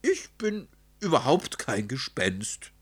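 Man doing a small friendly pig, storybook figure, high squeaky voice, eager, excited. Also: takes it slowly, slightly rough, full character voice. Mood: earnest. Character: small friendly young pig in ghost costume.

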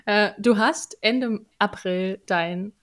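A woman from Lower Franconia hosts a podcast chat in a playful, loose way. She drops in English words and jokes easily, her voice in a middle pitch. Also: takes it slowly, a bit bright. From Lower Franconia, Germany. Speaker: podcast host.

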